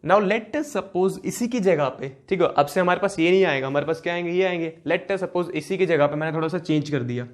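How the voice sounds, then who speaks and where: A young man gives a maths lecture in a fairly high voice for a man. He keeps quizzing his students and answering the questions himself. When he reads out expressions, he slows down and spells them out step by step. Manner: repeats key terms with quiz-like questions, slowing to spell out expressions. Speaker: maths teacher. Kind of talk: classroom lecture.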